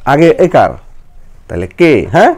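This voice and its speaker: Woman teacher, very deep, lively intonation, patient and coaxing. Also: a little slow. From Bangladesh. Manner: patient, coaxing, explains step by step. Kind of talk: children's lesson.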